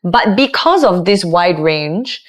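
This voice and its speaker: A woman, a voiceover artist guesting on a podcast, chatting in a casual, animated way in a low, resonant, full voice. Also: takes it slowly. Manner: chatty, animated, tags lines with lah.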